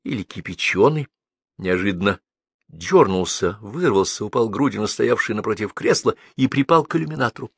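A man reads an audiobook with lively, dramatic narration. His voice is gravelly and of middling pitch, and it moves up and down a lot. The recording is dry and close. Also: normal speed, no echo. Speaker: audiobook reader.

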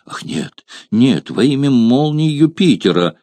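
A scheming young courtesan coaxes her lover with feigned tenderness, voiced by a male narrator. The voice sits a little higher than his own, soft and wheedling, in a dry storybook reading. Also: very animated, unhurried, creaky, no room sound, exaggerated voice. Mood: pleading.

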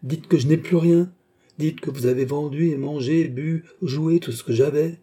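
A man reading an audiobook, voicing a fierce young woman who answers with contemptuous, sharp retorts. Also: mid-range voice, normal speed, breathy edge, natural voice. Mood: scornful. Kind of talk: audiobook character voice.

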